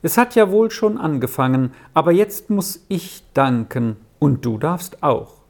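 A reader doing a gentle, soothing mother. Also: mid-range voice, lively intonation, unhurried, vocal fry. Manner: soft, reassuring. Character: gentle, loving mother, calm and tender. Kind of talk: audiobook reading.

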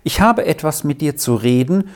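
A reader voicing a gentle, earnest old grandmother who speaks softly and admonishes slowly in a storybook reading. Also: mid-range voice, lively intonation, lightly acted. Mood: gentle, admonishing. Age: over 60. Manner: soft, admonishing, slow and thoughtful.

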